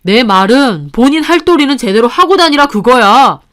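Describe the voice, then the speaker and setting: A woman plays a sneering, bossy husband in an audio story, her voice set high and light. He scolds and talks down in every line. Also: big pitch swings, normal speed, a bit bright. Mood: scornful. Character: scornful bossy husband, man in his 30s.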